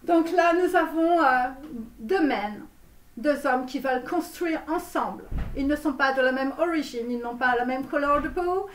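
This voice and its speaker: A woman playing a grandiose Romanian-born American tarot guru in a parody reading, with a put-on Romanian accent and English words thrown in. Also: high voice. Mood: pompous. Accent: put-on Romanian accent in French. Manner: grandiose, sprinkles English words, drawn-out phrases. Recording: roomy echo, mic far off.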